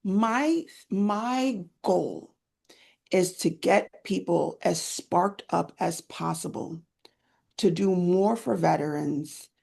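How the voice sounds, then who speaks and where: A woman's voice: slow pace, creaky, breathy edge. A woman guest in an interview, talking with enthusiasm and acting out little scenes as she tells them. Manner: enthusiastic storyteller, lively swings in pitch when retelling scenes. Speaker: guest, end-of-life doula educator. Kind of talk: conversational interview.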